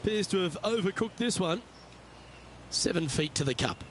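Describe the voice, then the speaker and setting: A man calling golf play-by-play in measured, understated tones. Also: high voice, lively intonation. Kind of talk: scripted video game golf commentary. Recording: clear background noise.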